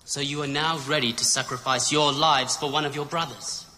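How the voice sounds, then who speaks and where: A man's voice: mid-range voice, steady tone, normal speed, sharp tone, long reverb tail, close to an everyday voice. A man playing a stern accusing brother. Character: stern man confronting his guilty brothers.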